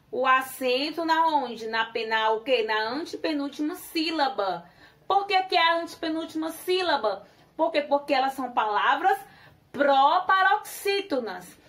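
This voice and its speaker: Her voice high-pitched and a bit bright, this Brazilian-accented primary school teacher works through syllable drills with deliberate slowness. She asks the children questions, then supplies the answers on her own.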